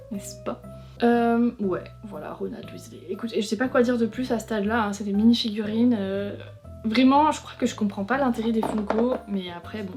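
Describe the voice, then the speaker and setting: A young woman chatting casually as a vlogger, reviewing figurines in a frank, teasing way that is quick to complain. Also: mid-range voice, a little mellow. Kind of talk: casual chatty unboxing commentary. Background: faint background music.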